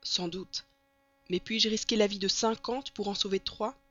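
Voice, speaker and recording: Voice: medium pitch, fairly even intonation, normal speed, pushed and bright. A reader voicing a proud, formal army captain who speaks firmly in an audiobook. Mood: stern. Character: stern army fort captain, man. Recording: dull lo-fi recording.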